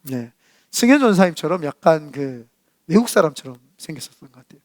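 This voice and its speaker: A man's voice: on the high side, very animated, brisk, no echo, clean studio sound. A man preaching in a church. He tells stories and acts out the voices he quotes. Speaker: senior pastor. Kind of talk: storytelling sermon. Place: church sanctuary.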